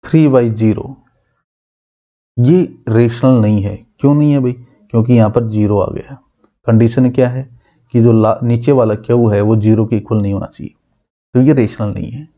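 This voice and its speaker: Male math teacher, very dark tone, lo-fi audio, quizzes the class and drills terms. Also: medium pitch, fairly even intonation. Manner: asks students questions and answers them himself; repeats key terms slowly.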